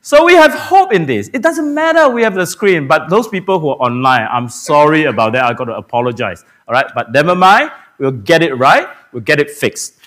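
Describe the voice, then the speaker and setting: A man's voice: fairly high pitch, sing-song, brisk, fairly bright tone. A man from Singapore, a pastor preaching a Good Friday sermon in a church and asking the congregation rhetorical questions. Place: church sanctuary.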